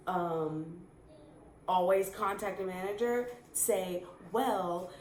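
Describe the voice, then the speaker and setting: A woman vlogger giving casual advice straight to camera, chatty and repetitive, with lots of fillers. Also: fairly low pitch. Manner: chatty, repeats words, many fillers. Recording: echoey room, faint noise.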